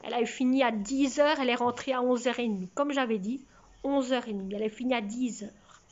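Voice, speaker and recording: A woman's voice: fairly high pitch, a little fast, muffled recording. A woman, chatting to her camera at home in a rambling way that often repeats itself. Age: 60s. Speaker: vlogger. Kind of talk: casual chat to camera. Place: at home, indoors. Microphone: camera in front of her.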